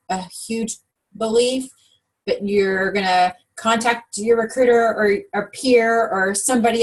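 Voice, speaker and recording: A woman's voice: medium pitch, slightly rough, low-quality recording. A woman leads a team training talk in an upbeat coaching manner, often putting questions to her listeners. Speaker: sales team director.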